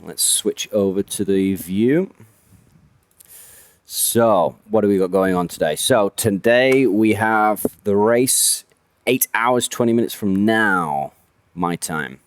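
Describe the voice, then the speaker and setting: A man's voice: lowish voice, takes it slowly, no echo. A man giving casual, rambling commentary on a racing game, often correcting himself mid-sentence. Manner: rambling, self-correcting, chatty.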